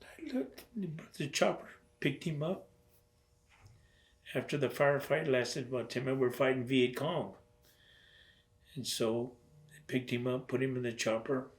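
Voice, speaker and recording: Older man, oral history interview, storytelling, acts out dialogue, halting restarts, mid pitch. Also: fairly even intonation. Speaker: interviewee, veteran.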